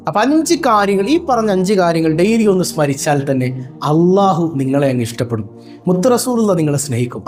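A man preaching to his followers, asking rhetorical questions and chanting Arabic phrases slowly. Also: high voice, a little mellow. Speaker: Islamic preacher. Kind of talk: religious talk to followers.

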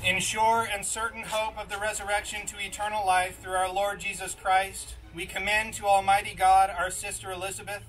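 A man leading a graveside funeral service as priest, reciting the liturgy in a solemn, measured way. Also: high voice, little pitch movement, fairly bright tone, far from the mic, poor audio. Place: outdoors at a graveside.

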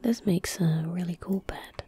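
A woman in her twenties whispers soft, breathy ASMR commentary while streaming a video game, close to a desktop mic in a small indoor room. Her fairly low voice is gentle, unhurried, and murmuring. Faint game ambience and faint background noise come through the close-miked recording.

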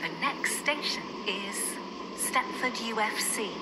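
An automated train announcement voice of a woman, built from words spliced together, speaking in slow, measured phrases. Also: fairly high pitch. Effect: spliced together words, pieced from separate recordings. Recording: loud train noise behind the voice. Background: train running noise.

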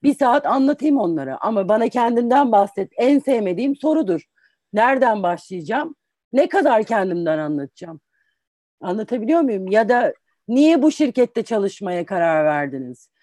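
Mellow-voiced woman teacher giving advice. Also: fairly high pitch, sing-song, normal speed, dry recording. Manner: explanatory, patient, restates points with examples. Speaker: English teacher and career guest. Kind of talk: advice talk in an interview.

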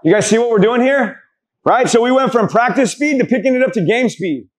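A boxing coach runs drills for a group class at the gym, his extremely high voice brisk and lively in intonation. Blunt, profane and motivating, he pushes the trainees and fires questions at them, then answers them himself.

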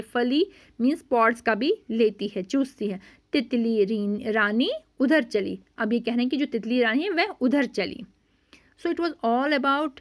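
A woman teaching a vocabulary lesson, patiently repeating words and explaining each one with English glosses. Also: on the high side.

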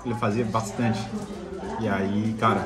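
This travel food vlogger, from Santa Catarina with a southern Brazilian accent, speaks a little slowly in a lowish, level voice. He chats casually while tasting dishes inside a restaurant, repeating himself often, as busy chatter fills the background.

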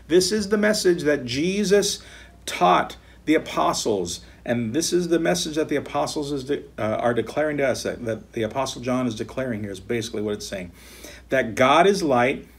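A middle-aged American man, a pastor teaching Bible study from his home office desk, earnestly reading scripture aloud with slow emphasis. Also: mid-range voice, husky.

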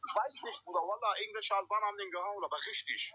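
A man's voice: high-pitched, racing, pushed and bright, breathy edge, no room sound, low-quality recording. A middle-aged man chats in slang on a livestream by phone, insistent and full of oaths. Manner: insistent, swearing oaths, repetitive. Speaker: guest on a livestream. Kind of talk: casual slangy livestream chat. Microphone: handheld phone on a video call.

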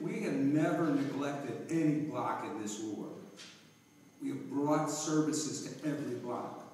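A man's voice: medium pitch, a little mellow, distant mic, slight background noise. Conversational man in an echoey hall. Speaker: alderman. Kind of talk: debate answer. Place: large hall with stage. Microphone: far phone camera.

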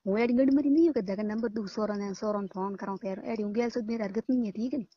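Swearing and combative, a caller with a Rajasthani Marwari accent fights it out over the phone in a coarse, heated argument. She's a fast talker with a medium-pitched voice, captured on a muffled, echoey call recording.

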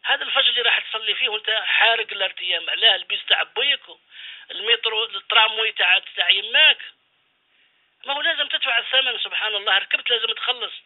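A man's voice: sits high, racing. Man, imam, radio sermon, exhorting, rhetorical questions, tinny phone line.

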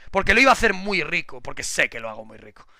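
A young man, streaming live in casual chat, crude and swearing, switching from low muttering to sudden shouting. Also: very animated, fast talker, gravelly, noisy background.

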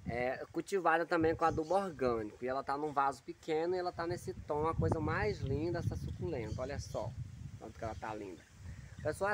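Chatty man touring his garden plants. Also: fairly high pitch. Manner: chatty, repeats "né?" after almost every phrase. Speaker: channel host showing his plants. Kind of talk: casual plant tour vlog. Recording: loud outdoor noise behind.

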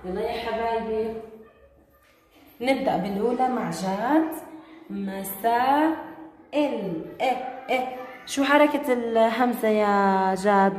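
A woman teacher, quizzing pupils by name and repeating grammar rules slowly. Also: fairly high pitch, darkish tone, echoey room, big-room sound. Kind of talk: classroom grammar lesson. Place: classroom.

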